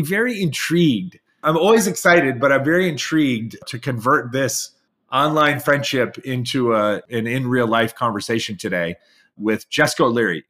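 A man's voice: medium pitch, a bit bright. An American man hosting a podcast, upbeat and effusive, introducing his guest with lots of repetition. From United States. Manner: upbeat, effusive, repeats himself. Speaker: podcast host. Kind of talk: enthusiastic interview introduction. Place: Hollywood studio.

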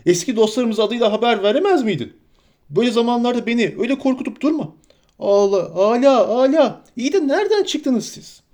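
A man voicing a flustered, chatty middle-aged male innkeeper in an audiobook, babbling in a hurried, breathless way. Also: extremely high pitch, animated, darkish tone, pitched above the performer's own voice. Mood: flustered welcome. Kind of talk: audiobook character voice.

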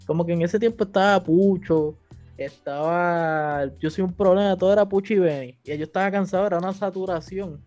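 Slangy Puerto Rican man with a dark voice. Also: sits high, a little fast, faint music behind. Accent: Puerto Rican Spanish. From Puerto Rico. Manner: slangy, mixes English words in, acts out quotes. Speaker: podcast guest, platform founder. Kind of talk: casual interview chat.

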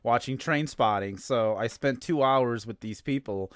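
Halting male podcast host, dry sound. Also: mid-range voice, a bit bright, no room sound. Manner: hesitant, halting, laughs easily. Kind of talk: casual podcast chat.

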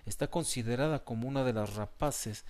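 A man's voice: mid-range voice, normal speed, darkish tone, close to an everyday voice. A man voicing a fretful, bookish know-it-all male cat who keeps wailing that everything is terrible, in a storybook reading. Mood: eager. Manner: frantic, repeats "terrible".

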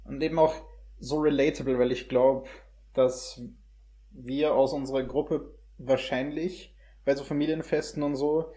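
Warm and medium-pitched, a young adult male host talks through movies in a casual, conversational review. His tone stays steady and his pace a little slow, with hesitant wording and bits of English slang slipping in.

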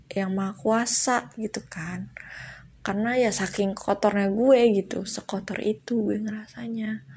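Husky, gravelly young woman chatting to viewers. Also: medium pitch, a little mellow. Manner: chatty, slangy, laughs often, addresses viewers directly. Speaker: vlogger. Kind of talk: casual confessional monologue.

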